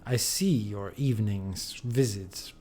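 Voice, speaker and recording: A man reading a shadowy intruder in a lower, cold, accusing voice. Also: takes it slowly, warm tone, a little hiss or hum. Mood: menacing. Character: menacing shadowy intruder, mansion owner.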